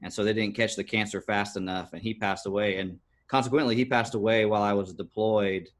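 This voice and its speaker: A man's voice: lowish voice, steady tone, fairly quick. A man in his thirties, a podcast guest, telling his life story earnestly, with many fillers and restarts. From United States. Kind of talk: personal storytelling interview.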